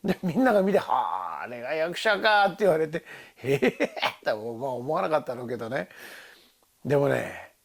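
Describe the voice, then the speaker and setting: Husky older man telling a rambling story. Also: on the high side, lively intonation, a little fast, darkish tone. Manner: rambling storytelling with laughs and quoted voices. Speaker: actor recalling a film shoot. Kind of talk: casual tipsy monologue.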